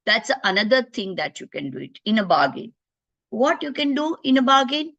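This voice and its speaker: A woman's voice: a little high, very animated, gravelly, fairly bright tone, muffled recording. A woman physician giving an informal health talk, explaining patiently and voicing what patients might think to themselves. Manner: unhurried and explanatory, voicing patients' inner thoughts.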